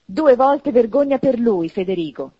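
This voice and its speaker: A woman's voice: a little high, big pitch swings, normal speed, breathy edge, no echo, lo-fi sound, pitched above the performer's own voice. Woman doing a heated young wife. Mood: indignant. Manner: exclaiming, heated. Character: pretty young wife, indignant and earnest.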